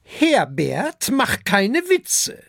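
A brisk, scolding mother dragon with a much higher, lively voice, as a male storybook reader puts her on. She fusses and corrects with wide pitch swings. The recording is close and dry. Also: vocal fry, dry recording, exaggerated voice. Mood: scolding motherly.

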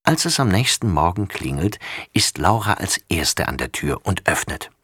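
A man reading a children's story aloud with lively, expressive narration. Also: sits low, normal speed, slightly rough, no echo, studio quality.

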